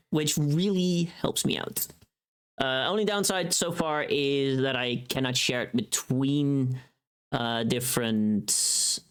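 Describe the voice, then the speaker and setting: In casual livestream chat, a streamer and voice performer of unclear sex speaks with a clear, resonant, fairly bright mid-range voice. They think aloud while working and hum little tunes between remarks to their live audience.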